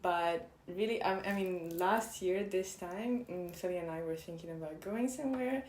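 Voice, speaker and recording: A woman's voice: lowish voice, moderate pace, darkish tone. Giggly young woman, roomy bedroom. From Hungary. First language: Hungarian. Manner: giggly, hesitant with many ums. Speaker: podcast guest. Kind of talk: casual chat. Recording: roomy bedroom, faint background noise.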